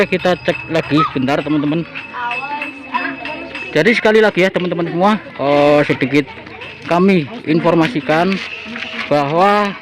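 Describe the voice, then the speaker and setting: A man's voice: fairly high pitch, poor audio. A man giving a folksy, repetitive on-location report to his viewers, recorded outdoors in a village neighborhood. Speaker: vlogger reporting on site.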